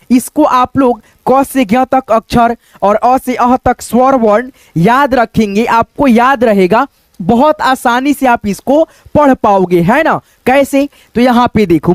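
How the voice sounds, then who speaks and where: A man with a strikingly high voice gives a beginner's Hindi reading lesson, stretching out each letter and then blending the sounds into words. He keeps turning to his viewers with little checking questions. The sound is dry and close, with no room around it. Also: no echo. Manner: slow, drawn-out syllable-by-syllable sounding out, repeating each word.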